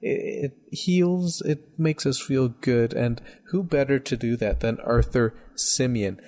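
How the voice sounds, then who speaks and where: A man's voice: medium pitch, takes it slowly, a little mellow. A man hosting a radio variety show, giving rambling, chatty introductions.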